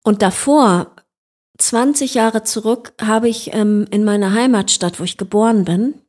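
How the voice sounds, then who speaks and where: In a reflective interview, a woman musician from Germany discusses her work at a slightly slow pace. Her medium-pitched voice is a little mellow, and she searches for words, with frequent fillers and false starts.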